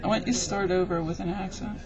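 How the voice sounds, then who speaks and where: A woman's voice: medium pitch, steady tone, fast, lo-fi sound, crowd noise. A woman directing a joke teller, cutting in with stern corrections. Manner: interrupting, bossy coaching.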